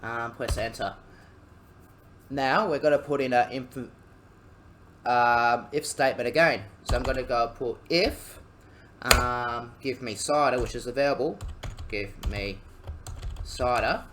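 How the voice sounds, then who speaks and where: A young Australian man walks through a bit of code at a middling pitch, stopping often for ums and throwing in cheeky jokes along the way. Faint room noise sits behind him, with keyboard typing now and then. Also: fairly bright tone. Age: young adult. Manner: halting, many ums, jokey asides. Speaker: student teaching coding. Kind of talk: casual screen-recorded coding tutorial.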